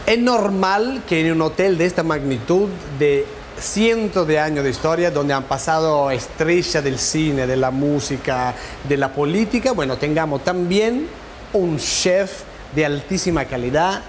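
Higher-pitched Argentine man presenting over noise. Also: lively intonation, measured pace. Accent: Argentine Spanish. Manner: chatty, interjecting, repeats others' words. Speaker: TV cooking and travel host. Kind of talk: casual presenting, switching between Spanish and Italian. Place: hotel and large professional kitchen. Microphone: lapel. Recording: clearly noisy location sound.

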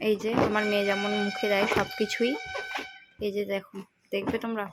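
A young woman, a mother of a baby, narrating her day at home for her vlog viewers in a quick, chatty way. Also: mid-range voice, flat delivery, very noisy.

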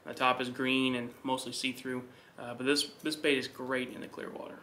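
Young guy explaining his fishing setup, bright kinda sharp voice, laid back. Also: medium pitch, slight background noise. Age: young adult. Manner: quick, relaxed explaining with fillers. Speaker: fishing channel co-host. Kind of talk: casual gear talk to camera. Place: indoor living room.

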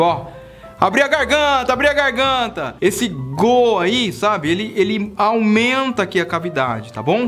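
Chatty high-voiced sax teacher. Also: male voice. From Brazil. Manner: chatty, checks in often with "tá?" and "cara". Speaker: saxophone teacher. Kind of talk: casual video lesson.

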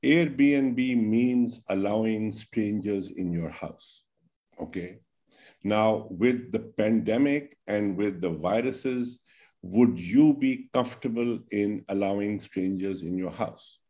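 A man's voice: lowish voice, slow pace, mellow, highs cut off. A man in his sixties with a Pakistani English accent, answering as a webinar panelist and making his case with rhetorical questions. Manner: argues point by point, rhetorical questions. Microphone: video call webcam.

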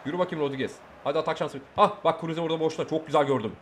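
A young man with a Turkish accent giving excited let's-play commentary, shouting at the game and talking to his viewers. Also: on the high side, racing, a crowd in the background. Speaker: gaming YouTuber.

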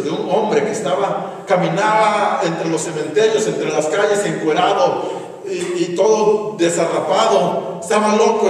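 A pastor preaches in a high, animated voice, calling on his congregation. He is heard from a distance in a big church hall with a long, ringing echo. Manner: animated, rhetorical, calls on the congregation. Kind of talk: sermon. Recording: echoey church hall from far off.

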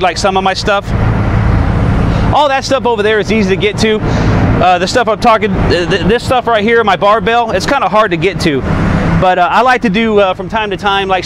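Chatty middle-aged trucker outdoors. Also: male voice, sits high. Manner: chatty, repeats "you know what I mean". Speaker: trucker vlogger. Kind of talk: casual show-and-tell. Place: outdoor truck parking lot. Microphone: camera mic at a few feet. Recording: outdoor camera audio with traffic noise. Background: truck and traffic noise.

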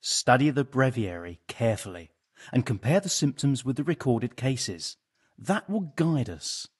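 Husky, learned medieval monk. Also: male voice, mid-range voice, sing-song, a little slow. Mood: studious. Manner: bookish, precise, dry. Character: learned, matter-of-fact medieval monk physician. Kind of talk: video game dialogue acting.

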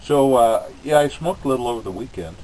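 A man talking with a pipe held in his mouth, musing in a relaxed, rambling way and chuckling between thoughts. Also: medium pitch, fairly quick, rough recording. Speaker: pipe-smoking vlogger. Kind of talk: casual rambling monologue to camera.

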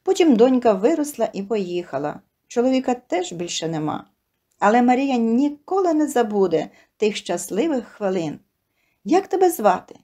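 A woman reading a tender short story aloud, with expressive storytelling. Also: fairly high pitch, normal speed. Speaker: narrator. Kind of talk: storybook narration.

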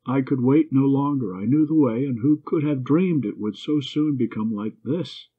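A man's voice: mid-range voice, moderate pace, breathy edge, close to an everyday voice. A man voicing a refined, spirited young woman who speaks with proud condescension, on a dull lo-fi recording. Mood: haughty.

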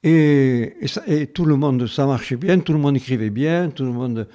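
Elderly guy with a carmaux accent, warm low-key voice, halting, stops and restarts, gets emphatic. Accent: southern French, Carmaux. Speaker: retired schoolteacher. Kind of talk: reminiscing interview.

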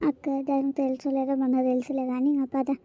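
A woman's voice: sits high, completely flat delivery, fast, mellow, no room sound, voice pushed down, close to an everyday voice. Woman doing a sarcastic young sister-in-law. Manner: sarcastic, teasing.

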